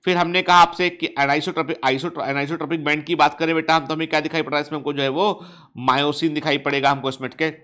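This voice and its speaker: A man with a slightly higher voice gives a biology lecture to students. He reads textbook sentences slowly, then explains quickly, asking little quiz questions and checking that students follow. His tone is patient and coaching. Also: steady tone, bright, forceful tone. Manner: calls students "beta" and checks with "theek hai". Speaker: biology teacher.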